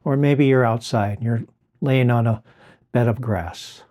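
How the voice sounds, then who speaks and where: Male relaxation guide, middle pitch, unhurried and mellow, soothing delivery. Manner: slow, soothing, drawn-out phrasing.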